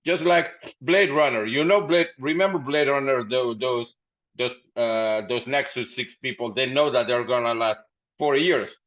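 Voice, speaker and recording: Unhurried and a bit bright, this man's mid-range voice carries his story as a company founder. He's a podcast guest in a casual interview, rambling along and laughing frequently. The recording sounds dull and lo-fi.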